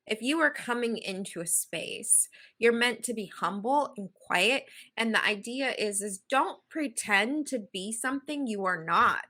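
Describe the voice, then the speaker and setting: A woman's voice: mid-range voice, pushed and bright. A woman from Hawaii with a Valley Girl accent, co-hosting a podcast discussion in an earnest, reflective way, often checking in with "right?". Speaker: podcast co-host. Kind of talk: casual discussion.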